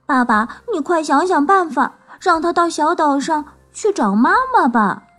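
A woman's voice: high voice, expressive, a little slow, fairly bright tone, soft background music. A woman voicing a kind, eager little male wolf cub in a children's storybook. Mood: pleading. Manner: eager, pleading.

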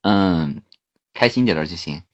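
A man's voice: sits low, expressive, measured pace, dry recording, lo-fi sound. A man on a live stream, telling jokes and reciting love lines, with a jokey manner. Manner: jokey, then tender reciting.

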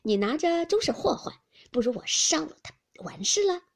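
A woman's voice: high-pitched, very animated, normal speed, pitched above the performer's own voice. A woman doing a wheedling young nobleman. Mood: coaxing.

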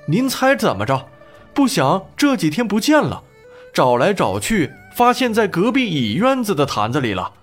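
An aggrieved villager makes his complaint in a high, insistent voice, as a male storyteller puts him on. His pitch rises and falls eagerly, with light music behind him. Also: huge pitch swings, moderate pace, full character voice.

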